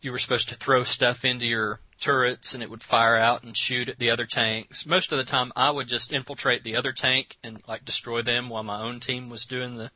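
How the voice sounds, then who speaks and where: A man hosting a casual podcast, talking in a relaxed, rambling way with fillers. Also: medium pitch, brisk, hardly any pauses, dry recording, poor audio. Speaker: podcast host.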